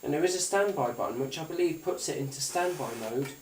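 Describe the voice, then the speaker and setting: This man, a YouTuber who reviews gadgets, has a fairly high voice with lively intonation and a quick pace. His casual, off-the-cuff demo wanders and hesitates, and he keeps repeating phrases. He's indoors at a tabletop some distance from the mic, so the audio is roomy, with faint hiss and clicks.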